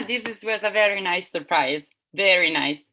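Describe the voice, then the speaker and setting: A woman interpreting a seminar talk live, speaking haltingly with frequent restarts and self-corrections. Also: medium pitch, lively intonation, sharp tone, rough recording. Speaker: simultaneous interpreter.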